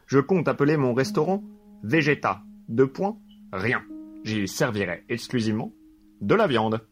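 A man's voice: mid-range voice, lively intonation, unhurried. Man doing a pompous dad leaving a voicemail. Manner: rambling, pompous, absurdly earnest monologue. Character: eccentric self-important father, a would-be detective. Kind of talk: comedic voicemail sketch. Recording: music playing underneath.

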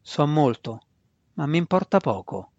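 A man reading the part of a calm young male dark elf warrior, cool and quietly menacing, in an audiobook. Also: a little high, unhurried, dry recording, highs cut off, exaggerated voice.

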